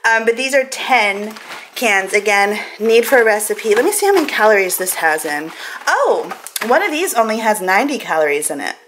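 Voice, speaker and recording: Sing-song and medium-pitched at normal speed, an American woman in her thirties chats through a grocery haul vlog in her home kitchen. She holds the camera at arm's length, and its mic captures a noisy background.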